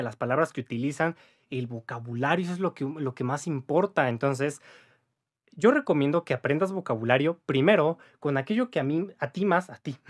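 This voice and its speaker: His voice pitched fairly high, a Mexican English teacher in his twenties delivers a laid-back video lesson straight to camera. He stays chatty and bright, frequently ending lines with "¿va?" or "¿vale?" as a check-in. He's filming indoors against a patterned wall.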